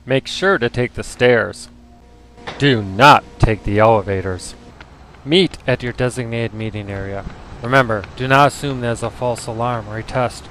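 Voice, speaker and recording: A man's voice: medium pitch, normal speed, fairly bright tone, slight background noise. A man reading scripted instructional narration in a formal, instructive manner. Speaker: training narrator.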